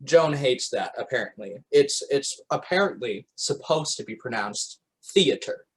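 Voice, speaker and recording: A man's voice: mid-range voice, animated, normal speed, poor audio. A man hosting a podcast in a casual, laid-back chat, saying "yeah, man". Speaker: podcast host.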